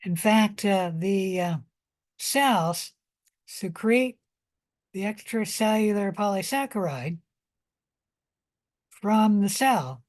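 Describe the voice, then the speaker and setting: Slow, careful woman lecturing. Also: medium pitch, animated, darkish tone. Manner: slow, careful explaining with fillers and restarts. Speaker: biology lecturer. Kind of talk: recorded micro lecture.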